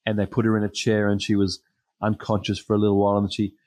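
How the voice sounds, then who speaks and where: A man preaching a sermon, telling personal stories in a halting way with frequent pauses and ums. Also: on the low side, monotone, a little mellow. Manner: hesitant storytelling with frequent ums.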